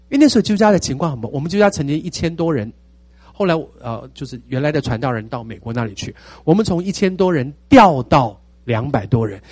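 A pastor in his sixties with a Taiwanese Mandarin accent shares his testimony during a sermon, telling it with animated storytelling and repeated phrases. His voice is medium-pitched with a breathy edge, and there is no echo.

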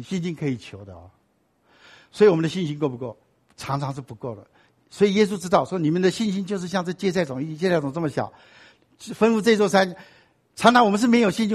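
A man gives a sermon-style Bible lesson in a fairly high voice. He teaches in a lively way, keeps asking his listeners rhetorical questions, and slips English and Hebrew words into his talk. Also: slightly rough.

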